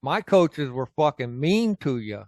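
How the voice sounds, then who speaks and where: A man's voice: a little high, big pitch swings, unhurried, a little mellow, dry recording. A man co-hosting a casual sports podcast, swearing freely and venting as a frustrated fan. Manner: profane, heated, fan ranting. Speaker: co-host.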